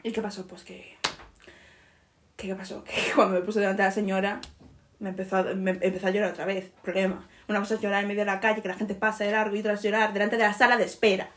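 A young woman, co-hosting a podcast and telling a story in a lively, self-mocking way, acting out what people said. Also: medium pitch, fast, a little hiss or hum. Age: young adult. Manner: animated, self-mocking, acts out quotes. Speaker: podcast co-host. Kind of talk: casual storytelling chat.

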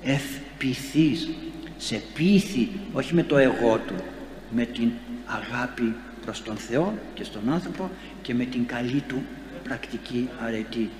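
A male priest giving an impassioned sermon, rising to loud exhortations and dropping to soft asides, recorded in a large church. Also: mid-range voice. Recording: echoey church with long reverb, faint noise.

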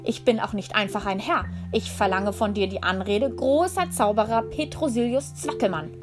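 A woman voicing a pompous, irritable old male sorcerer who speaks loudly and haughtily. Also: medium pitch, lively intonation, over music, natural voice. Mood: furious. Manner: loud, haughty and quick to anger.

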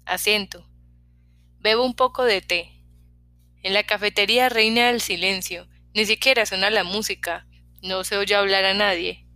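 A woman narrating a novel in the first person with a calm, measured reading. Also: mid-range voice, dry recording. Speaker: audiobook reader.

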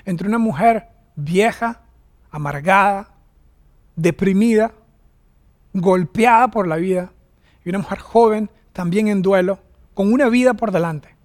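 A man in his forties from Venezuela, a pastor preaching a sermon in a chatty, joking storytelling way. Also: sits high.

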